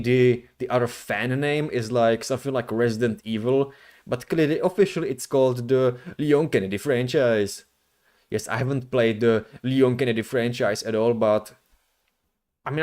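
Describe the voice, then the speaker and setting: Man, medium pitch, livestream host, casual chat, slangy wording, halting, rambling delivery. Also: a little mellow. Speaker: streamer, VTuber host.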